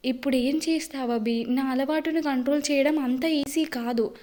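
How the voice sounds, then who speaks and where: A woman's voice: high-pitched, fairly even intonation, moderate pace, mellow, lightly acted. A woman narrator voicing a tearful young wife who pleads through sobs in an audio love story. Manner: sobbing, pleading delivery. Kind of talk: audiobook character reading.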